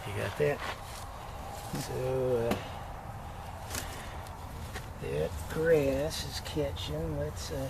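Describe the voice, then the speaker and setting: An older man giving a casual do-it-yourself demonstration inside a small greenhouse, talking in an unhurried, folksy way full of fillers. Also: medium pitch, gravelly. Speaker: homesteader showing his build. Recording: noisy camera audio.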